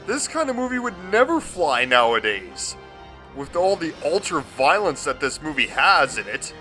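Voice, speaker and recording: A man with a high, bright voice delivers a comedic movie review. His pitch swings widely as he gushes, and he swears freely throughout. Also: moderate pace, soft background music. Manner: profane, excitable and gushing.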